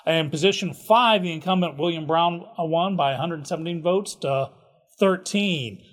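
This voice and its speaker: A man's voice: fairly high pitch, moderate pace. A man hosting a casual local events rundown, chatty and jokey with offhand asides. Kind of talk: casual community calendar rundown.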